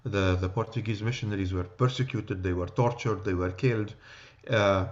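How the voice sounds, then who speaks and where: With a New York accent, a man leads an adult church class in a loose lecture-and-discussion style, often checking in with "okay?" and "right?". His voice is lowish and steady, his pace moderate, and the sound lo-fi.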